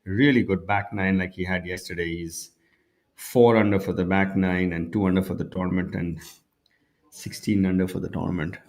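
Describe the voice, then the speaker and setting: A man's voice: low voice, fairly even intonation, moderate pace, a little mellow. A man giving live golf commentary in a plain, conversational way, as part of an informal booth team.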